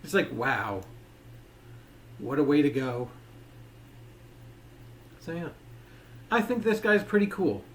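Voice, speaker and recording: A man's voice: on the high side, sing-song, takes it slowly, long pauses. A man giving a casual toy review, rambling and leaning on filler words.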